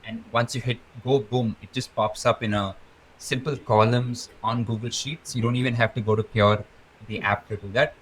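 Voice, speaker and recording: A man's voice: medium pitch, fairly even intonation, normal speed, a bit bright, husky, rough recording. A man being interviewed as a guest, explaining crypto data in a fluent, methodical way and listing items one after another. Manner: fluent, methodical, rattles off lists. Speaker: guest, crypto research lead.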